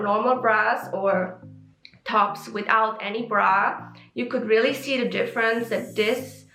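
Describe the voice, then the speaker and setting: Young woman, Swiss German accent, native German speaker, casual vlog, chatty with ums, echoey room, soft background music. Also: fairly high pitch. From Switzerland. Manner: chatty and open, with frequent ums and self-corrections. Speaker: vlogger.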